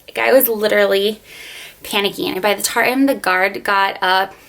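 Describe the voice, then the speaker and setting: A woman's voice: medium pitch, moderate pace, vocal fry, fairly bright tone. A young woman telling a personal story in a casual storytime vlog, chatty and full of fillers. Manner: chatty, many fillers, retells scenes. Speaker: vlogger.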